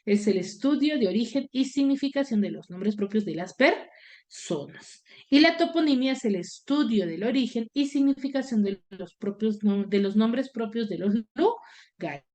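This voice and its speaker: A woman's voice: a little high, lively intonation, normal speed, darkish tone. A woman teaching an online class. She explains step by step and keeps checking in with her pupils through short questions. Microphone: video call.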